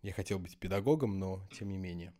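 A man's voice: sits low, quick pace, warm tone. A man with a slushy lisp, his s sounds leaning toward sh, chatting casually as the guest in a podcast interview. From Belarus. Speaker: guest, actor and acting teacher.

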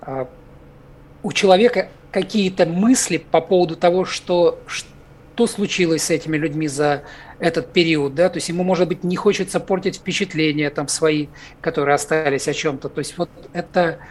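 A man speaking as a clinical psychologist guest on a talk show, in a measured, hedging way with many filler sounds. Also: a little high, fairly even intonation. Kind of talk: expert commentary on a talk show.

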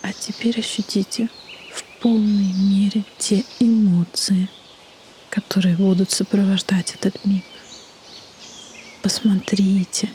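A woman leading a guided meditation in a soft, breathy half-whisper, with soothing delivery and long pauses. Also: medium pitch. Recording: faint background noise, birdsong ambience. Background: birdsong and nature ambience.

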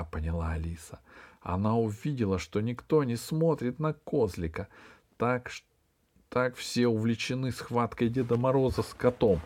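A man's voice: medium pitch, mellow. Man narrating a storybook. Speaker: audiobook reader.

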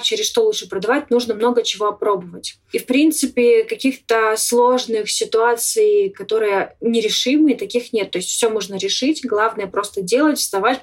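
A woman in her twenties being interviewed on a podcast, talking confidently and upbeat, with laughs between points. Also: on the high side. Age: 20s. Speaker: podcast guest, entrepreneur.

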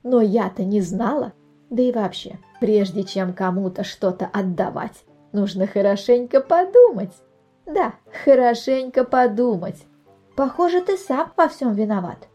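A woman voices a know-it-all storybook centipede, unhurried and calm as she lectures. Her tone is soft and mellow, with faint music behind. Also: on the high side. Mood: calm lecturing.

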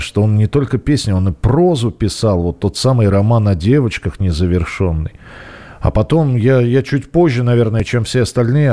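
A man's voice: on the low side, dark tone. A male radio host talking in a conversational, musing way with many fillers, taking calls and reading messages. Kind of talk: call-in radio talk.

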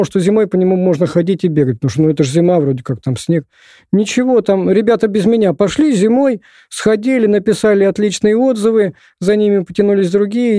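A man's voice: high-pitched, vocal fry, warm tone, no echo, clean studio sound. A man in his sixties, a guest in a podcast interview, telling long rambling stories with lots of filler words. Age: 60s. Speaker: podcast guest, hiking expert. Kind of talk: casual interview chat.

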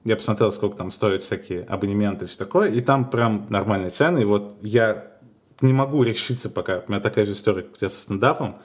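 A man co-hosting a podcast, chatting casually and telling stories in a musing, unhurried way with small hesitations. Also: on the low side. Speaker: podcast co-host.

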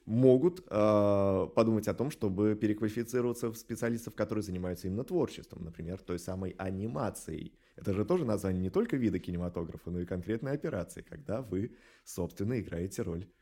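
A man with a mellow voice on the low side speaks as a studio director in an interview. He explains things in a measured, articulate way, using rhetorical emphasis.

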